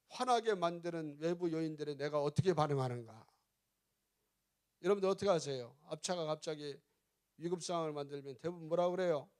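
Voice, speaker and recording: A middle-aged male pastor preaching emphatically, questioning the congregation and rising to loud exclamations. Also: sits high. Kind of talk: revival sermon.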